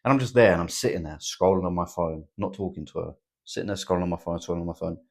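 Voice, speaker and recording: A man's voice: sits low, quick pace, gravelly. A young man, giving a blunt motivational monologue full of swearing and "bro". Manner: blunt, swears a lot, says "bro" and "right?". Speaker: self-improvement vlogger.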